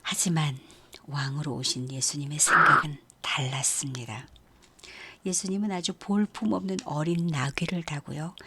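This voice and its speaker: A woman with a low, husky voice tells a Bible story to young listeners in a sermon. Her delivery is gentle and storytelling, and she pauses to ask questions. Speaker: youth ministry preacher.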